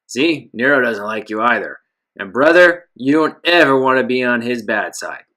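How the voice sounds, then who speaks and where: A deep, gravelly gangster heavy with a gun and no patience, snarling threats in street slang, as a man reads him. His tone is bright and cutting despite the low growl. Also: animated, normal speed. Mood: threatening. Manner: threatening, tough-guy slang. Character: gruff male thug with a gun, menacing, impatient.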